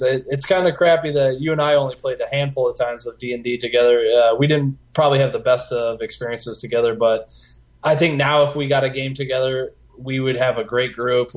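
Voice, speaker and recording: A man in his thirties co-hosting a casual podcast, telling stories and laughing often. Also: medium pitch. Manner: nostalgic, storytelling, laughs often. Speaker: podcast co-host. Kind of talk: casual chat. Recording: dull lo-fi sound.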